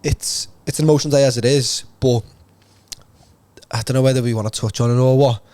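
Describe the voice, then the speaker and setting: An animated, chatty man co-hosts a podcast and tells stories as he talks. He has a mid-range pitch, and the recording is dry and close with no room sound. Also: fairly quick, no echo. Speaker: podcast co-host. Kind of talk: casual chat.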